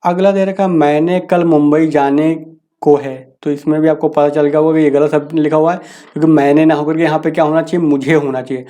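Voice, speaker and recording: Man slowly teaching grammar corrections. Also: on the high side, level tone, dark tone. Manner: reads each sentence slowly, then explains casually. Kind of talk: Hindi grammar lesson correcting sentences.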